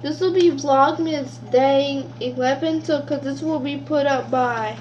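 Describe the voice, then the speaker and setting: A young woman with a high voice chats her way through a casual cooking vlog. She talks straight to her viewers from a small kitchen, with frying and sizzling noise clearly audible behind her on a camera set on the counter. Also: measured pace, a little mellow, lo-fi sound. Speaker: vlogger.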